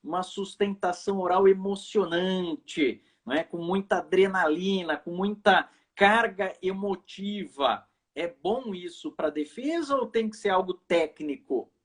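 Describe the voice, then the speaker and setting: Um professor de direito brasileiro apresentando uma live, falando de forma pausada e cortês. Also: male voice, sits high. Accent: Brazilian. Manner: measured, courteous. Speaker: host, law professor. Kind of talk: live video chat. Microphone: video call.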